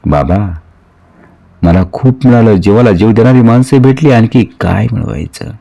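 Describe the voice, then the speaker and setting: A man voicing a gentle, humble king who speaks softly and respectfully in a spoken storybook. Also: lowish voice, lively intonation, gravelly. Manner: soft, respectful and measured. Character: gentle, humble king consoling a grieving family.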